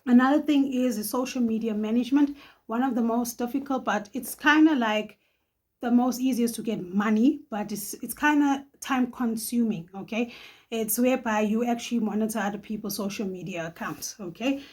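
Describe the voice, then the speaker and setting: A middle-aged woman from Johannesburg with a South African accent hosts a casual advice vlog in a fairly high voice. She is chatty, laughs readily and often ends her sentences with "okay?".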